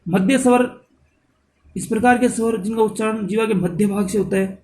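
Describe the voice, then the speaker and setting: A man teaching a grammar lesson, slowly repeating terms and counting out items one by one. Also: high voice, a little mellow, slight background noise.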